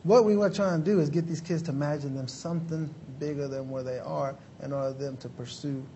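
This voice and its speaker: In interview answers delivered at a quick pace, a man in his thirties from Mexico, a motivational speaker, stays earnest and polite, saying "yes sir" and filling pauses with "you know." His voice is fairly high, steady, and dark in tone, recorded with dull audio and a little hiss or hum.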